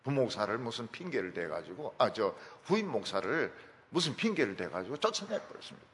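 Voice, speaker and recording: A man's voice: medium pitch, sing-song, a little fast, a bit bright, big-room sound, slight background noise. A middle-aged man preaching a sermon as a pastor, telling stories with emphatic delivery. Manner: emphatic storytelling.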